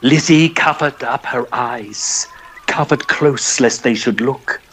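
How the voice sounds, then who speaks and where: A man narrating a dramatic poem in a theatrical, measured and expressive way. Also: mid-range voice, a little hiss or hum.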